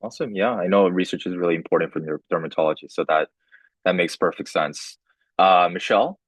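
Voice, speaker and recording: Low-voiced young man moderating a panel. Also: fairly quick, slightly rough, no room sound. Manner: relaxed, many fillers and restarts. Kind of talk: casual moderating on a video call. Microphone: video call.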